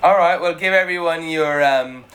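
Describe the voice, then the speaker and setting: A man's voice: fairly high pitch, moderate pace, a bit bright, a little hiss or hum. A man hosting a casual panel chat, upbeat and rambling with fillers. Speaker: host.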